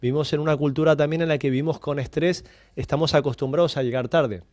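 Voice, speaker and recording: On a radio talk panel, a Spanish-born time management coach speaks quickly in a fairly high, steady voice with a darkish tone. The studio sound is clean, with no room sound. He explains his ideas by telling stories and posing questions to build his argument.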